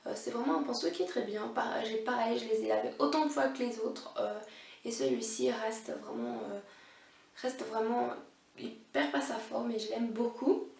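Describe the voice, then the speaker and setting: A woman's voice: fairly high pitch, expressive, moderate pace, creaky, darkish tone. A young woman reviewing makeup brushes in a casual, hesitant way, with many fillers and restarts. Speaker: beauty vlogger. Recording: echoey room, voice a bit far from mic.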